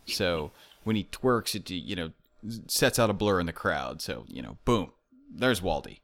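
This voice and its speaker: Casual male interviewer, slightly low voice, jokey, pokes fun at himself. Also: big pitch swings, unhurried, fairly bright tone. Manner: joking, self-deprecating.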